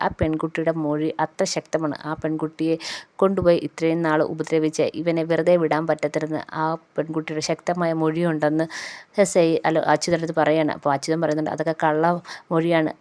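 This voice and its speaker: Woman rattling through a plot recap, low steady voice, barely any rise and fall. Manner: quick, run-on retelling with quoted dialogue. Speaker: serial recap narrator. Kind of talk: fast storytelling recap.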